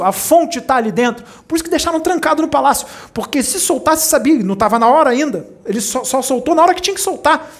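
Animated Rio-spiritual teacher. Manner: animated storyteller, acts out quoted voices with big pitch leaps. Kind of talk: spiritual talk to a small group.

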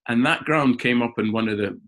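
A man who is a cricketer guest on a podcast, telling animated stories in casual chat and often repeating words as he gets going. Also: mid-range voice, brisk. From Scotland.

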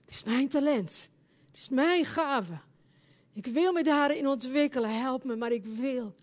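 A woman preaching and praying in a charismatic church service, speaking fervently and building into loud, impassioned prayer. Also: high voice, a little slow. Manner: speaks in tongues between prayers.

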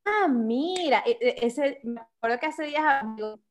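A woman with a Venezuelan Spanish accent talks casually and with animation, often pausing and restarting as she searches for words. Her voice is fairly high. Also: faint music behind. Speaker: therapist guest. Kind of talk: casual podcast conversation.

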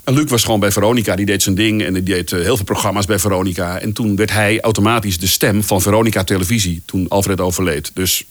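A man's voice: fairly low pitch, fast talker, hardly any pauses, dry recording. A man in his fifties from the Netherlands, a voice-over artist telling career stories in a casual interview, with many fillers, acting out the lines of others. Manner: animated anecdotes with many fillers, acts out quoted lines. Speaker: voice-over artist, podcast guest.

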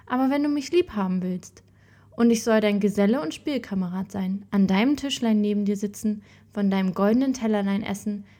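A woman's voice: mid-range voice, a little fast, mellow, lightly acted. A woman voicing a pushy male frog from a well in a fairy-tale reading, coaxing and insistent.

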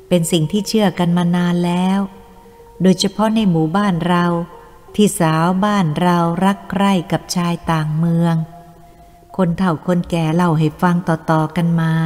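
A young village woman under twenty, pleading and earnest, voiced by a woman narrator. The tone is soft and mellow. A long hall reverb lingers behind her. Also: lowish voice, close to an everyday voice. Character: young village woman, frightened then resolute. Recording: long reverb, faint music.

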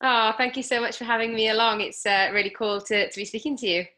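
A woman's voice: a little high, steady tone, fast, pushed and bright. A woman from Swansea with a South Wales accent, talking casually as a guest in an interview. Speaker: podcast guest, elite triathlete.

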